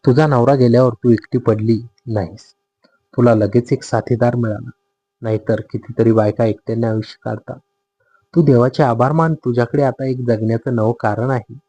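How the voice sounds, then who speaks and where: Brief: a man as a frank, persuasive woman friend in an audio story, husky and mellow. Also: medium pitch, steady tone, normal speed, close to an everyday voice.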